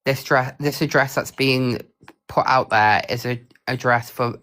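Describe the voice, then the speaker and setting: A woman's voice: extremely low pitch, fairly even intonation, a little slow, a bit bright. A woman chatting casually on a live stream, saying w in place of v, with an insistent, repetitive way of making her point. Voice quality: trouble pronouncing V, saying w for v.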